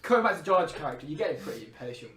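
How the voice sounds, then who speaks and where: Playful game master in an echoey room. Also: male voice, on the high side, sing-song, racing, over a noisy crowd. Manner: laughing, loose and playful. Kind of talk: narrating a comedy tabletop game. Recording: echoey room, far off the mic.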